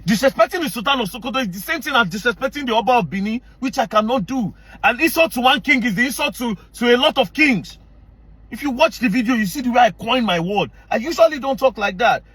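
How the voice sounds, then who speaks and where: Angry high-voiced husky Nigerian man. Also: expressive, fast, fairly bright tone, dry recording. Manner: angry, confrontational, repetitive, mixing Pidgin into English. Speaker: online commentator. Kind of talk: heated rant to camera.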